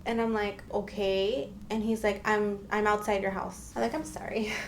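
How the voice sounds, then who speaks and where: A woman's voice: medium pitch, flat delivery, moderate pace. Young woman, chatty and emphatic vlog storytime, faint hiss behind her. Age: young adult. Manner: chatty and emphatic, often addressing viewers. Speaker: storytime vlogger. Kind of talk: casual storytime.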